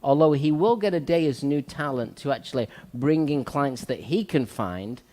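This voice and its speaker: A man hosting a talk show as a salon owner talks at normal speed in an animated, medium-pitched voice with a dark tone. Earnest and motivational, he keeps repeating his main points and fills his speech with fillers, all heard through long hall reverb.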